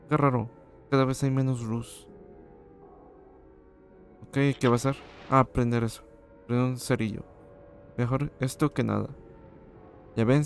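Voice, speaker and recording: A young gaming host with a Mexican accent provides horror let's-play commentary, cracking slangy jokes and yelping when scared. His voice is mid-range, creaky, and darkish in tone.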